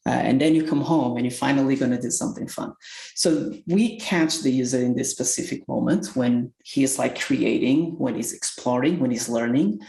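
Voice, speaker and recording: A man's voice: medium pitch, gravelly, darkish tone. A man from Portugal, a guest on a podcast, speaking earnestly and searching for words in English. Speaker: tech company executive guest. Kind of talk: podcast interview. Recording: roomy echoey sound.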